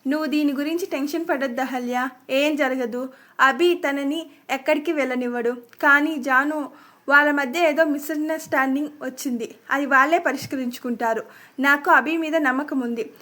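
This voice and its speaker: A steady, soothing middle-aged father in a family storybook, as a woman reads him. Her voice stays high and her delivery even. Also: moderate pace. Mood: reassuring.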